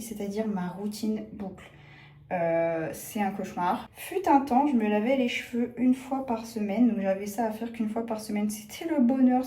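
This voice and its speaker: Her voice is mid-range and mellow as this young woman vlogs in a casual, self-deprecating way, drifting off into hesitant asides. Recorded on an arm's-length phone in apartment rooms and on city streets, the sound is echoey, with a faint hum underneath.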